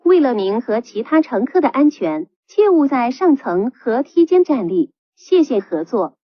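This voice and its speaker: A woman's voice: a little high, a little slow, no room sound. Woman's announcement over a bus PA. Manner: calm, even, formal. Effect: played over a bus PA system. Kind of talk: scripted public announcement. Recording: dull lo-fi PA playback.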